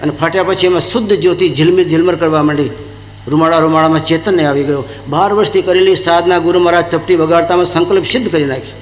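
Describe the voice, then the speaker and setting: A man's voice: fairly high pitch, fairly even intonation, fast, slight background noise. A man preaching a devotional sermon, telling a story and acting out the voices of a guru and his disciples. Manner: acts out dialogue of guru and disciples with shifting voices. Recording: echoey hall with faint ambience.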